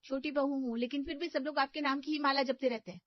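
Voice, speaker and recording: A woman voices a touchy young daughter-in-law in a cartoon who is quick to quarrel. Her voice is high and she talks fast. The recording is dry and slightly dull. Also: fairly even intonation, no echo, lightly acted. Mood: sulky.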